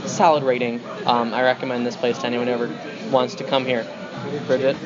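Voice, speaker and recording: A man's voice: medium pitch, level tone, crowd noise. Dry-humored young man hosting. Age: young adult. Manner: dry, joking, brisk. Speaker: host. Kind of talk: casual food review vlog. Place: indoor restaurant with wooden wall. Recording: dull lo-fi sound with loud background music.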